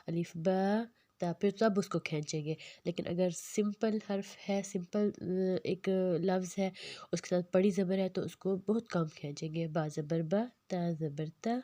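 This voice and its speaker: A woman teaching Quran reading in a recorded lesson, patiently explaining and slowly repeating letter drills. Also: on the low side, warm tone, no room sound.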